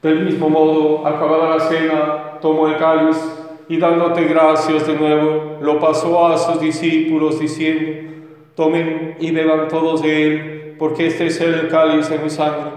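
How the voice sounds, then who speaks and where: Guy priest saying mass, flat steady prayer voice, kinda high, big cathedral echo hanging on every word. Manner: measured, solemn, steady recitation. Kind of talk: liturgical prayer recitation. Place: large church. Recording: heavy echo with long church reverb.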